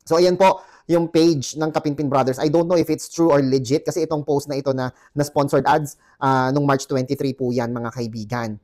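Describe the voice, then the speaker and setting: A man hosting his own show, telling a story in a chatty, animated way, often laughing as he recounts it. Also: medium pitch, normal speed, few pauses. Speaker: host. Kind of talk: casual storytelling vlog.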